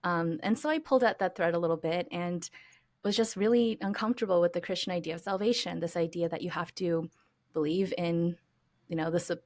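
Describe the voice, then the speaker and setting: A woman's voice: on the low side, fairly even intonation, brisk, a little mellow. An American woman as an interview guest, telling her story reflectively with fillers and restarts. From United States. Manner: reflective, many fillers and restarts, laughs lightly.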